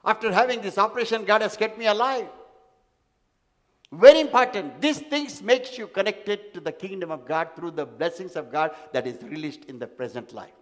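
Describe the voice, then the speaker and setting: A man's voice: high voice, fairly quick, hardly any pauses, a bit bright. A man preaching a sermon as pastor, emphatic and repeating key phrases for weight. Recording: long hall reverb.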